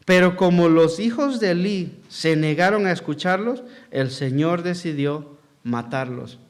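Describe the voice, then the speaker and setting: A man's voice: a little high, unhurried. A man preaching as pastor in a church hall, asking the congregation questions and acting out quotes in a sermon.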